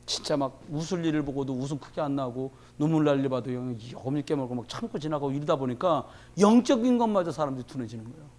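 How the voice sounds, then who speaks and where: A man preaching a sermon as pastor, telling lively stories and swinging from quiet low asides to loud emphatic peaks. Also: fast talker, few pauses. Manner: animated storytelling, acts out quoted voices.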